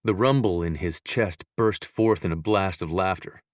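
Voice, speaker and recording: A man with a fairly low voice narrates a romance novel, calm and measured. The recording is dry and close, with no room sound. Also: no echo. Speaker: audiobook narrator.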